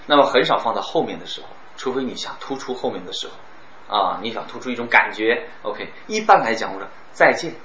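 A man teaching a class on speaking, lively and demonstrating words with exaggerated stress and pauses. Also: medium pitch. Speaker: speech teacher. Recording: roomy, dull, some background noise.

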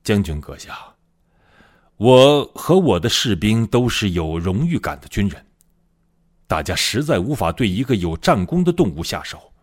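A man voicing an honorable army major in a told story, pleading his case in an earnest, measured way. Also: fairly low pitch, sing-song.

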